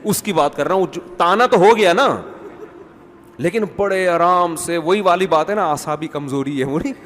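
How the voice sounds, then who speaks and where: A man's voice: high voice, a bit bright. A middle-aged man preaching an informal sermon in a conversational, wry way, often repeating words for emphasis. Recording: long hall reverb with faint ambience.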